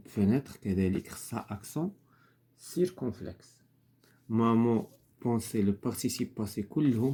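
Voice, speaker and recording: A man's voice: mid-range voice, dark tone, slightly rough. A man with a Moroccan accent, patiently explaining a lesson step by step as a teacher. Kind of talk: lesson explaining worksheet answers.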